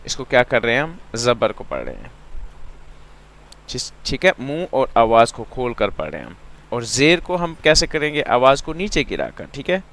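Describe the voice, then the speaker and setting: A man's voice: medium pitch, wildly swooping pitch, moderate pace, a bit bright. A man teaching Quran letter sounds in a patient lesson, repeating each sound and checking understanding, with some English phrases mixed in. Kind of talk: slow step-by-step lesson.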